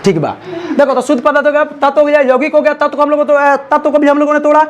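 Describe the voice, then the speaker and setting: High-voiced male teacher drilling a class. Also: quick pace, lo-fi sound. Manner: call-and-response, keeps prompting students to answer. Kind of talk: classroom science lecture.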